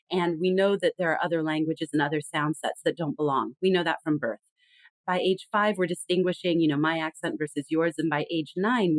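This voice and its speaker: A woman's low-pitched voice comes through a dry but poor-quality recording. She's a podcast guest in a conversational interview about communication, and her delivery is emphatic and expressive, full of lively storytelling.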